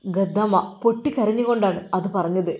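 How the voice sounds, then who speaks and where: Mellow woman telling a dramatic story. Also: mid-range voice, brisk. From Kerala, India. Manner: emotive, dramatic.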